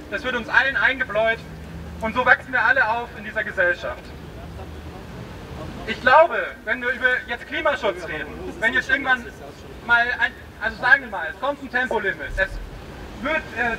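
At an outdoor street blockade, a man with a very high-pitched, bright, forceful voice gives an informal speech through a megaphone, hesitating often. It's recorded from a distance with street noise around.

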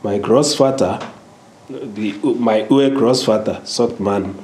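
A man from Nigeria with a Nigerian accent, speaking German as a second language, halting and searching for words. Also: on the low side, darkish tone, slight background noise. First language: not German. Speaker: radio host. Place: indoor radio studio. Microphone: studio microphone. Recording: roomy studio with background music.

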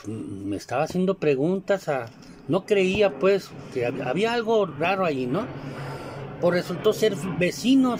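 A male commentator with a Mexican Spanish accent talks casually in a rambling monologue, full of fillers and asides and constantly asking "you know?". His voice is on the high side with a darkish tone. There's slight background noise.

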